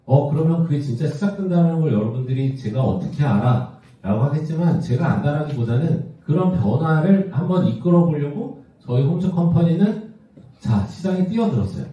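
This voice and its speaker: This man, a South Korean company executive of about fifty, has a slightly high, mellow voice as he presents conversationally to an audience in a large indoor room, frequently asking rhetorical questions. The mic is far off, leaving the sound muffled and echoey.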